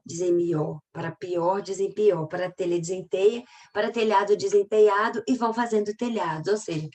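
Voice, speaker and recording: A woman's voice: mid-range voice, a little mellow, distant mic. A woman teacher from Minas Gerais with a Mineiro accent, chatting her way through a recorded class and searching aloud for pages. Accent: Mineiro Brazilian Portuguese. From Minas Gerais, Brazil. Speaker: literature teacher.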